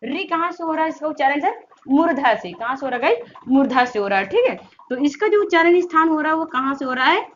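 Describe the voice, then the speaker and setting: A high-pitched woman teaches Hindi grammar. She asks questions over and over and stretches the vowel sounds to demonstrate them. The recording is slightly dull and lo-fi, with a faint hiss behind her. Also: animated, fast, a bit bright. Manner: repetitive call-and-response questioning. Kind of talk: exam-prep grammar lesson.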